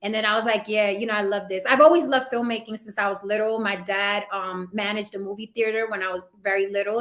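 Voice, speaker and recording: Pitched in the middle range with a fairly bright tone, this woman's voice belongs to an interviewed actress and YouTuber with Puerto Rican roots. Her talk is relaxed and spirited, full of repeated words for emphasis and questions like "right?".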